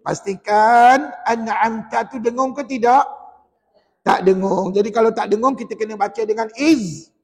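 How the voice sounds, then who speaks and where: Malaysian Malay man, tajwid teacher, very high voice, patient explainer who chants verses slowly; mosque hall reverb. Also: slightly rough. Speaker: Quran recitation teacher. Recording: long echo of a mosque hall.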